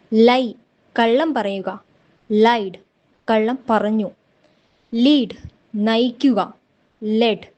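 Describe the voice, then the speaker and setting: A woman with a slightly high voice leads a vocabulary lesson. She speaks at a very slow, measured pace, saying each word separately so listeners can repeat it after her. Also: darkish tone, low-quality recording. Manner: slow, deliberate, drills words one at a time. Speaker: English teacher.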